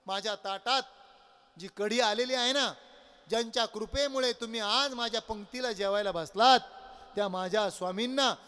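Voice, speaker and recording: A man's voice: high voice, normal speed, bright, forceful tone, clean tone, big-room sound. A man voicing a devoted young male disciple who pleads through tears, in a sermon story. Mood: pleading.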